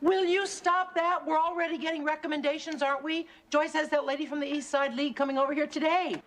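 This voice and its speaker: A woman's voice: high voice, steady tone, fast talker, natural voice. An actress playing a cheerful, encouraging woman running a small catering business, in a sitcom. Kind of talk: sitcom acting.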